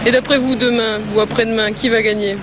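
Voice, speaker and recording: A woman's voice: on the high side, level tone, quick pace, background noise. A female interviewer asking brief, polite questions. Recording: muffled old outdoor news footage.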